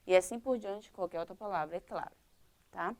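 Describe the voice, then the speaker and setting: A woman's voice: mid-range voice, brisk, darkish tone. A woman teacher with a Brazilian Portuguese accent, explaining a primary-school lesson step by step and checking in with "tá?" and "ok?".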